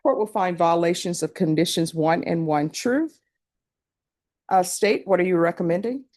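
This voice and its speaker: A woman's voice: on the low side, normal speed, a little mellow. An American woman speaking as a judge in a courtroom, putting formal procedural questions.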